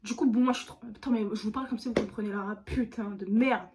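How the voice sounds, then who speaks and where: A woman's voice: a little high, fairly even intonation, fast talker, a little mellow. A woman YouTuber telling a storytime to her viewers in a chatty, slangy way, speaking straight to the camera. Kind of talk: casual storytime vlog.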